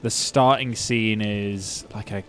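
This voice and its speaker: A man's voice: on the low side, steady tone, unhurried, a little hiss or hum. Young male co-host; laid-back, joking, profane gameplay banter. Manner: jokey, sweary, breaks into silly voices. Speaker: gaming podcast co-host. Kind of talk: casual chat over gameplay.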